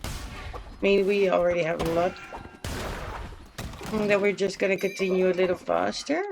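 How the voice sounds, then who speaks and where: A woman's voice: lowish voice, level tone, normal speed, gravelly, noisy background. A woman streamer chatting casually and thinking aloud while she plays a game, with the odd swear word. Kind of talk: casual live gameplay commentary.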